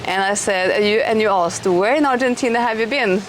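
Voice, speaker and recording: A woman's voice: medium pitch, fairly quick. A middle-aged woman, hosting an interview in a chatty, enthusiastic way with many restarts. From Norway. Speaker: host. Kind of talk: casual conversational interview. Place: outdoors in an eco village. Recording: noisy outdoor recording.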